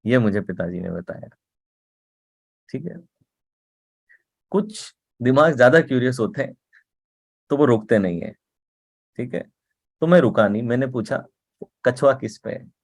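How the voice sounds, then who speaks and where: A man's voice: medium pitch, animated, measured pace, gravelly, pauses often. A man giving a motivational talk in a conversational way, often checking in with the listener and repeating words for emphasis. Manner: conversational, often asks "ठीक है?" and "right?".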